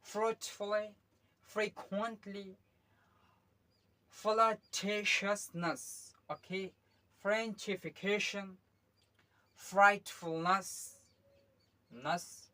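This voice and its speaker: A man teaching English pronunciation. He spells each word letter by letter, repeats it slowly and stretched, and explains patiently with many okays. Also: a little high, pushed and bright. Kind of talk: pronunciation lesson.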